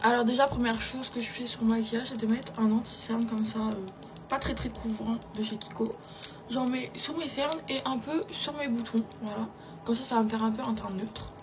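A woman's voice: a little high, steady tone, normal speed, background noise. A young woman chatting casually and offhandedly while doing her makeup, recorded on a phone at home. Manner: chatty, offhand, self-mocking. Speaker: beauty vlogger. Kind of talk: casual get-ready-with-me chat.

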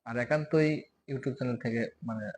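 Male recitation teacher with a Bangladeshi accent; patient drill lesson, stretched loud demo sounds. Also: mid-range voice, creaky. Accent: Bangladeshi Bengali. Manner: repeats sounds slowly and loudly for demonstration; checks in often with "okay?". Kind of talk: recitation lesson on letter pronunciation.

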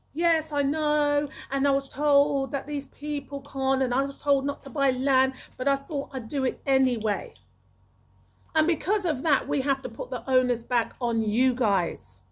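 Speaking unhurriedly in a voice that sits high, this middle-aged video host offers emphatic advice to camera and repeats phrases for emphasis. She's in a small indoor room, close on a large studio mic fitted with a pop filter.

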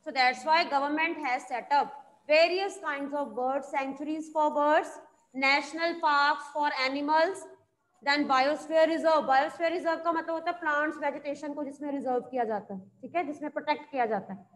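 High-pitched North Indian woman teacher. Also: racing, a bit bright, low-quality recording. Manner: instructive, with frequent questions and check-ins to pupils. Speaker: school social science teacher. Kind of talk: classroom lesson, mixing English and Hindi. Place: indoor classroom at a blackboard.

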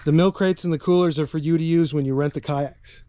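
On an outdoor rural property, a man leads a casual walkaround video as a kayak rental guide, speaking matter-of-factly into his handheld camera. He talks briskly with fairly even intonation, in a mellow voice that's a little high.

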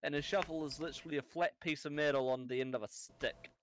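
A man's voice: fairly high pitch, fairly even intonation, quick pace. A man chatting casually while playing a video game, teasing and sarcastic. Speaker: gamer. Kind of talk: casual gaming chat.

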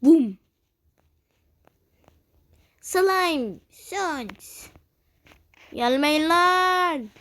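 Woman, let's-play commentator, high and unhurried, cursing and heckling the game. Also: expressive. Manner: cursing, teasing, reacting loudly to the game. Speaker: gamer playing a video game.

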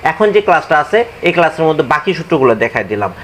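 A young man, speaking a bit high for a man as he talks through a math lesson. He keeps repeating himself, tossing out questions and answering them at a slow, careful pace. Faint noise hums under the recording. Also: very animated, a bit bright. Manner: slow and deliberate, drawn-out formulas. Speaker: math tutor. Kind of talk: casual classroom explanation.

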